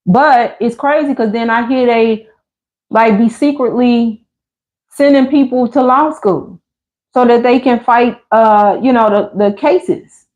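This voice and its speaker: Speaking slowly in a fairly high voice, a livestream host in her fifties talks with viewers in a candid, conversational, colloquial way. This American woman animatedly retells events and acts out quotes. The audio is lo-fi and a bit dull.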